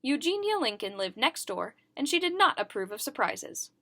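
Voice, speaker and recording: A woman reading a children's picture book aloud, expressive and voicing the characters. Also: high-pitched, normal speed. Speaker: reader. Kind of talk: children's story read-aloud.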